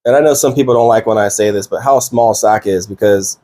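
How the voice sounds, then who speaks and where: A man's voice: lowish voice, a little fast, mellow. A man in his thirties hosting a podcast, chatting casually with loose slang and plenty of fillers and restarts. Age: 30s. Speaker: podcast host. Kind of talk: casual chat.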